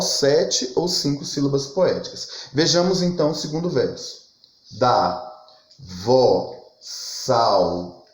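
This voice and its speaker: A man teaching a literature lesson, reading verse lines aloud and counting syllables in a slow, methodical way. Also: medium pitch. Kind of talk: recorded lesson explaining poetic meter. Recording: echoey room.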